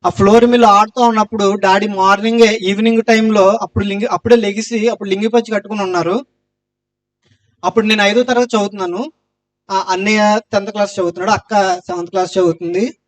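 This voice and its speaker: High-voiced man giving an earnest testimony. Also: steady tone, quick pace. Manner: earnest storytelling, loud cries of Jesus' name. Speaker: testimony speaker.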